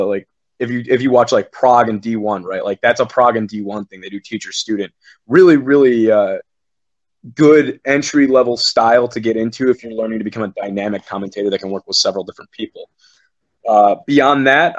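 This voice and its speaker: Through a muffled recording, a man with a medium-pitched voice holds forth on a podcast. He works as a game commentator in esports, and his informal talk wanders, swears freely, and comes across as confident.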